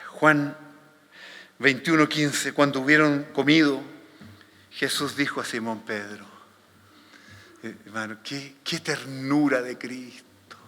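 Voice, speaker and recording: A man's voice: medium pitch, steady tone, slow, pauses often. Fervent male preacher in a reverberant hall. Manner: emotional, swings between loud fervent pleading and hushed tender reading. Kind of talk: conference sermon. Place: conference hall.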